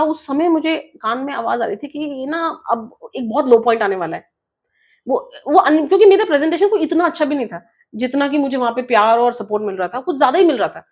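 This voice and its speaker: A woman's voice: high voice, animated, quick pace. A woman guest telling a personal story in an interview, earnest, often mixing English words into her speech. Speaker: guest author.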